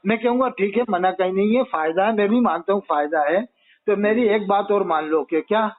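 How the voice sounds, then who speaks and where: High-voiced man arguing religion over a phone line. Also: brisk. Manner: argumentative, quotes Quranic Arabic and poses rhetorical questions. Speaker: Islamic scholar. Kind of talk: religious debate chat.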